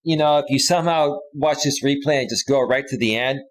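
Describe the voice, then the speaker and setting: A man's voice: mid-range voice, brisk, low-quality recording. A man in his forties hosting his own live stream, talking casually and rambling with frequent restarts. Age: 40s.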